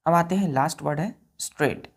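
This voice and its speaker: Briskly and in a low register, an Indian-accented woman runs a vocabulary lesson. She spells out words letter by letter and patiently checks that her students follow.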